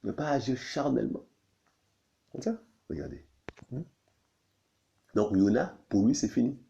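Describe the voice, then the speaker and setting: A male preacher with a very dark, gravelly voice that rises and falls a lot as he repeats his phrases and keeps checking that his listeners follow. His pitch jumps up sharply on his questions. The sound is dull and lo-fi. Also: expressive, measured pace. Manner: repetitive, constantly saying "my friends" and asking "you see?"; pitch leaps high on questions. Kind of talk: sermon. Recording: dull lo-fi recording.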